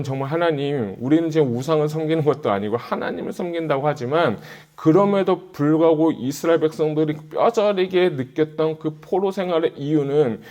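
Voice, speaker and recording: Preaching through a Bible passage, this middle-aged male pastor muses casually before turning urgent and earnest as he presses his audience. His voice is on the high side and darkish in tone, and the recording's highs are cut off.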